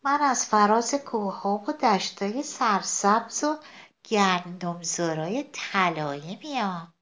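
A woman voicing a kind, beautiful bird who speaks in a gentle, encouraging way. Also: a little high.

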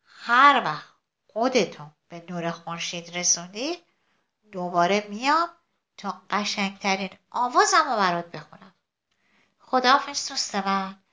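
A woman voicing a kind, beautiful bird who speaks in a gentle, encouraging way. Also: medium pitch, expressive.

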